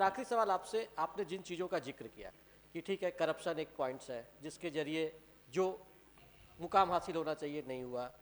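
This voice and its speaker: Male TV anchor, high voice, courteous and formal. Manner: polite, formal, echoes the guest's words. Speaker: TV interview host. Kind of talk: studio TV interview. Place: TV studio.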